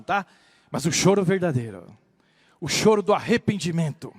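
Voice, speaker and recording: Pastor guy preaching, really high pitched, goes quiet and low then loud, dry recording. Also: no echo, big-room sound. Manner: swings between hushed, low asides and loud, rising exclamations. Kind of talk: sermon.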